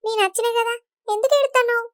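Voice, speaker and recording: A woman voicing a young pregnant village daughter-in-law in a cartoon, speaking gently. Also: extremely high pitch, fairly even intonation, racing. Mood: gentle.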